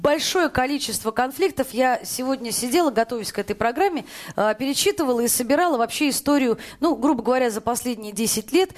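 A woman with a fairly high-pitched voice hosts a live radio call-in programme. She talks as a presenter does, addressing listeners and callers directly. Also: expressive, quick pace. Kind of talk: live phone-in talk show hosting.

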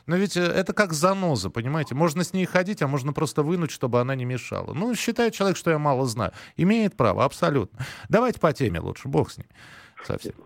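A man hosting a live radio phone-in in a conversational, halting, self-correcting way. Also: a little high, sing-song, no echo. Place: dry studio.

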